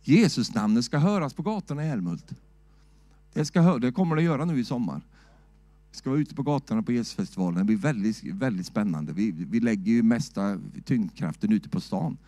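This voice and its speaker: A middle-aged man preaching a sermon in a church, shouting at times and asking the church "va?" in a loose, talky way. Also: medium pitch, lively intonation, no room sound. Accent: Swedish. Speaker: pastor.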